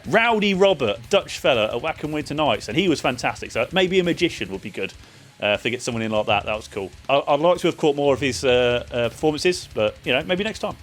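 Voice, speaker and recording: A man's voice: medium pitch, expressive, quick pace, faint music behind. A man giving a casual, chatty spoken review of a festival, loose and full of ums and uhs. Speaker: vlogger reviewing a metal festival.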